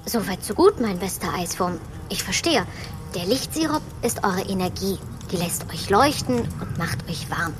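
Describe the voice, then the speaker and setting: A woman voicing a polite, curious little creature with lively questions in a children's audio drama. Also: medium pitch, moderate pace, noisy background, natural voice.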